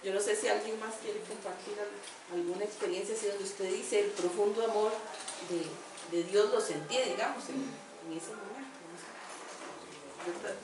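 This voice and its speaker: A woman's voice: mid-range voice, moderate pace. A woman leading a group conversation, responding with affirming comments. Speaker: group leader. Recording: echoey room, distant mic, background noise.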